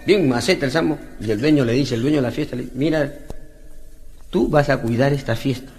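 A man's voice: mid-range voice, fairly quick, darkish tone. A man with a Peruvian accent telling slangy jokes stand-up style, laughing at his own punchlines. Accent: Peruvian Spanish. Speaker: comedian. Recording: noisy lo-fi recording with clicks.

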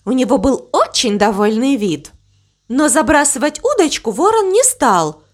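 A woman calmly narrating a children's story in a gently expressive way. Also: sits high, moderate pace.

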